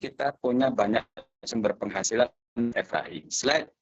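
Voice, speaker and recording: A man's voice: on the low side, lively intonation, normal speed, slightly rough, muffled recording. A man giving a business presentation over an online call, his audio choppy and cutting in and out on a bad connection. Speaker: seminar presenter.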